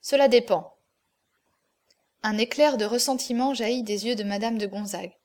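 A woman reading a classic novel aloud as an audiobook narrator, in a measured, even manner. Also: medium pitch.

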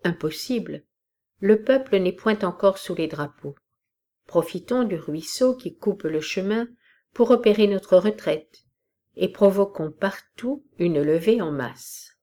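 A woman's voice: medium pitch, expressive, a little slow, warm tone. A woman reading an insistent halberdier captain. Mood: urgent.

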